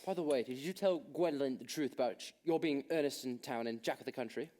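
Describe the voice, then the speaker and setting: A young man acting a witty, idle gentleman in a school stage comedy, with a playful, teasing delivery. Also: medium pitch, fast talker, lightly acted. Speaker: stage actor in a school play.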